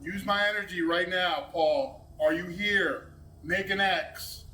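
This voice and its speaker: Male investigator, high and slow, coaxing spirits; echoey room, distant mic, background noise. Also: sharp tone. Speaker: paranormal investigator. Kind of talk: calling out to spirits. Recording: echoey room from far off, noisy.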